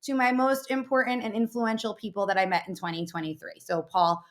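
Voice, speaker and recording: A woman's voice: mid-range voice, little pitch movement, brisk. A woman co-hosting a casual show, chatty and rambling with many fillers. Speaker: co-host. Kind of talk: casual podcast chat.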